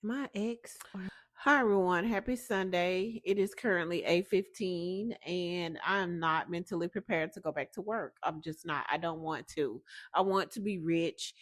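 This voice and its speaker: A young adult woman with a Southern American accent, chatting casually and rambling through a home vlog. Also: fairly low pitch. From Southern United States. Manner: chatty, rambling, relaxed asides. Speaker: vlogger.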